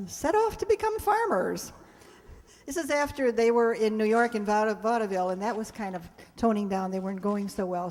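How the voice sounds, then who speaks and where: This is a live stage recording with hall reverb: a woman hosting a show addresses the audience casually, dropping in ad-libbed asides. Her pitch is fairly high, but her tone is darkish.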